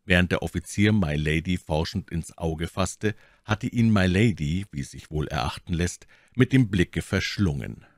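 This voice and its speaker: A man with a deep, low voice narrating a classic novel as an audiobook. His reading is measured and literary. The recording is dry and close, with no audible room. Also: lively intonation, no echo. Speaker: audiobook reader.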